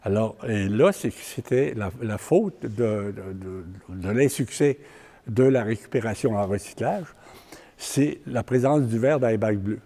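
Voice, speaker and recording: An older man with a Québécois accent giving a public talk, plain-spoken and halting, often repeating words as he tells stories. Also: lowish voice, mellow. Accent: Québécois French. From Quebec. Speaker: community organizer giving a talk.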